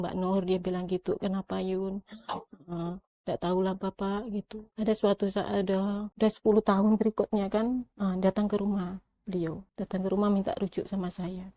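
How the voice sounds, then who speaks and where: A woman's voice: mid-range voice, mellow, dry recording. A middle-aged woman telling her own life story in a casual way, acting out the arguments by quoting both sides. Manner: conversational, with many restarts and asides.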